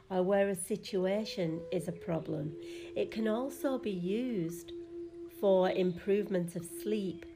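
A woman leads a guided relaxation and breathing exercise. She speaks softly and calmly at a very slow pace, with a mid-range pitch. Music plays clearly behind her voice.

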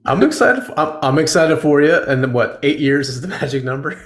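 A man in his forties hosts a casual podcast interview, playful and encouraging as he asks questions. His voice is on the high side, sing-song, a bit bright and fairly quick. The room sounds echoey, with faint music.

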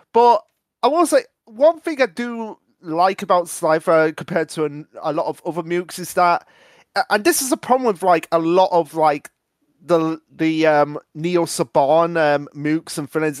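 A man's voice: a little high, no room sound. A man co-hosting a fan podcast, talking eagerly in casual chat. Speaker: podcast co-host.

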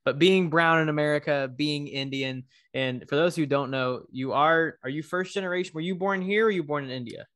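His voice sits a little high and moves a little fast, with hardly any pauses. Hosting a casual podcast interview, this man warmly rambles through lengthy questions, often starting over mid-thought.

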